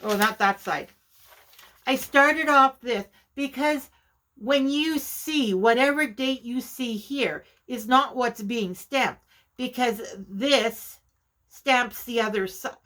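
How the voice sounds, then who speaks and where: Slow-talking chatty woman crafter. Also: a little high, a bit bright. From Canada. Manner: chatty, self-deprecating, exclaims often. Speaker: journaling vlogger. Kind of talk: casual craft vlog demonstration.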